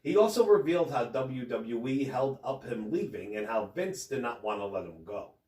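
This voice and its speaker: A man hosts a wrestling news rundown, reading out stories and quotes in a casual, lively delivery. His pitch moves around a lot. He sits back from the microphone, and the room adds a noticeable echo. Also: normal speed, recorded from a distance. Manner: casual, reads quotes in plain voice. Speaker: host. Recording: roomy, off-mic home recording.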